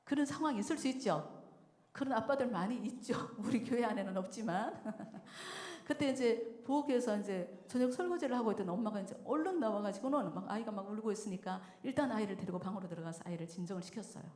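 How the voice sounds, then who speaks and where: A woman's voice: medium pitch, fast talker. Woman preaching in an echoey church. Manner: lively storytelling, acting out quoted voices with frequent chuckles. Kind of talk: sermon at a mothers' prayer meeting. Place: church sanctuary. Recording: echoey church hall with long reverb.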